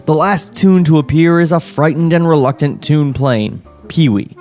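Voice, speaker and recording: With soft music playing behind him, a man hosting a podcast reads out a screenplay's stage directions in a dry, wry style, chuckling and adding sarcastic asides. His voice is a little high and a little mellow, at a moderate pace, captured on a studio podcast mic.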